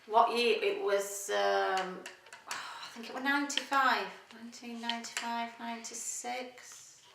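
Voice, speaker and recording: A middle-aged Yorkshire woman talks in a rambling, chatty way, her voice gravelly and bright. She sounds a little off the mic in a roomy space with faint noise behind. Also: on the high side, fairly even intonation, a little slow, distant mic. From Doncaster, Yorkshire, England. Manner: chatty, rambling, searching for words. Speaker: interviewee. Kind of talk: casual interview chat.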